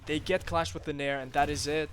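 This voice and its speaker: A man casting a live online game tournament, calling the action quickly with lots of fillers and casual swearing, then chatting loosely with the stream chat between matches. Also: fairly high pitch, slight background noise. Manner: rapid, excitable calls with frequent fillers and casual swearing. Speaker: esports tournament caster. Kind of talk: live play-by-play game commentary.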